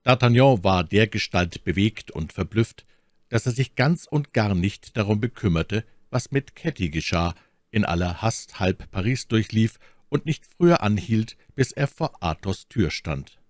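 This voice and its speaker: A man narrating a classic novel as an audiobook in a measured storytelling manner. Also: on the low side, expressive, no room sound. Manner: measured storytelling with acted voices. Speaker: audiobook reader.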